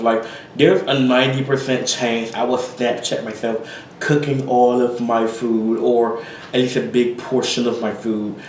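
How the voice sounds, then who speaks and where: Young male vlogger, worn out and rambling, mid-pitch, roomy far-off sound with faint hiss. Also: darkish tone. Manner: rambling, apologetic, many fillers. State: tired, full from eating. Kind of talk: casual chat to camera.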